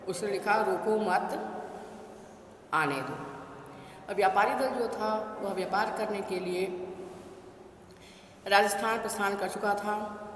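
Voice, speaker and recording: Woman, teacher, deliberate dictation, echoey room, faint background noise. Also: medium pitch. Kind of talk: classroom lesson.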